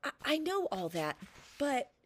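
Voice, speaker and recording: A woman's voice: on the low side, expressive, normal speed, no echo, close to an everyday voice. A woman playing a trembling, stammering storyteller man. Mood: frightened. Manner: timid, pleading, stammering. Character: fat, nervous male storyteller, trembling with fear.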